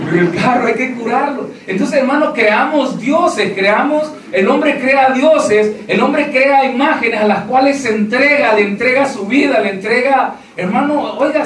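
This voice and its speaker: High-voiced preacher guy, asks the crowd stuff, echoey hall, a bit far from the mic. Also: a bit bright. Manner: preaching, addresses listeners as "hermano", asks questions. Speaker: pastor. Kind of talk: sermon. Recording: roomy echo, voice from off mic.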